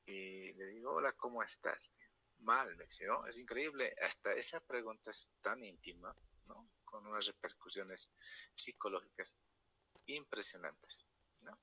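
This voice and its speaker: A man's voice: fairly low pitch, a little slow, sharp tone, slightly rough, muffled recording. A man with a La Paz Bolivian accent giving a spoken university lecture, tagging nearly every phrase with a question to his students. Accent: Bolivian Spanish, La Paz. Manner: tag questions after nearly every phrase, storytelling asides.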